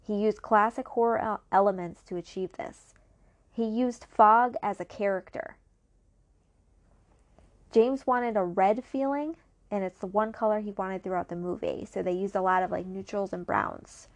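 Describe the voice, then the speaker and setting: A woman's voice: medium pitch, steady tone, normal speed. A woman co-hosting a casual movie podcast, enthusiastically sharing trivia and teasing her co-host. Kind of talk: casual movie review chat.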